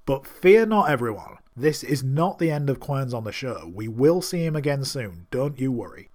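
Male recap narrator, mid-pitched, keen and wry, scripted read. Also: expressive, normal speed. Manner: enthusiastic, wry asides. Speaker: TV series recap host.

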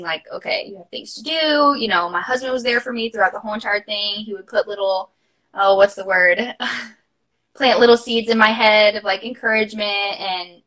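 A woman's voice: medium pitch, sharp tone, low-quality recording. A young mother talking openly and casually as a podcast guest, with many fillers and laughter in her talk. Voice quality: chatty, many fillers and asides. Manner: open and heartfelt, laughs while talking. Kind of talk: casual interview storytelling.

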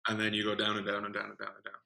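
A young man telling a story in a casual podcast chat, rambling and animated, with many fillers and restarts. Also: fairly low pitch, rapid-fire, gravelly, poor audio. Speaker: podcast co-host, singing group organiser.

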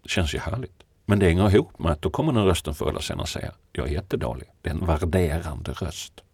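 Very deep, gravelly and husky but a little mellow, the voice of this poet podcast guest carries lively intonation through a slow, thoughtful chat. He laughs frequently between musings, captured close and dry with no echo.

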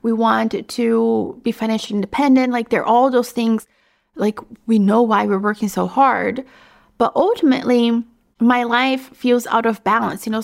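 A woman's voice: on the high side, vocal fry. A young woman hosting her own podcast, talking casually and a little out of breath, with lots of "you know" fillers. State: slightly out of breath. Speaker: podcast host. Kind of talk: casual solo podcast monologue.

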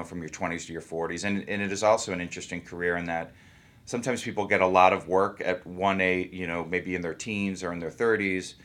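A man who is an actor, talking about his work in a relaxed, rambling interview. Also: low voice. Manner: easygoing, rambling, thinks aloud. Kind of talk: casual interview talk.

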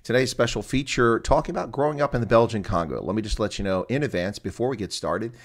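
A man hosting a casual live stream, chatty, fast and full of fillers and restarts. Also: lowish voice, animated.

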